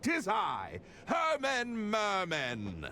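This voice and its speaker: A man's voice: high voice, wildly swooping pitch, extremely slow, bright, forceful tone, slight background noise, full character voice. A man playing an earnest, awkward, politely inquisitive novelist detective in a comedic game. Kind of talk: comedic adventure game acting.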